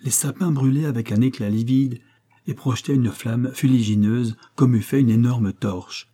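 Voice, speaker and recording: A man reads an adventure novel aloud in scripted audiobook narration, measured and dramatic. His voice is husky and mellow, with a warm, relaxed tone. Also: medium pitch.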